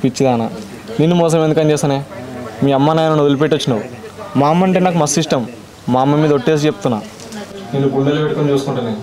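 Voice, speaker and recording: A tender, teasing young village lover, played by a man with a Telangana Telugu accent. His voice sits slightly above the usual male pitch, and he rattles his words off very fast. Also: crowd noise, natural voice. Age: young adult. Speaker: young eloping groom.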